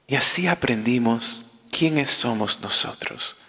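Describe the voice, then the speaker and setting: A man's voice: mid-range voice, lively intonation, pushed and bright. A male priest preaching a sermon. He halts and restarts often, then builds to fervent preaching. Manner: halting with many restarts, rising to fervent preaching. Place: church. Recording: long church reverb.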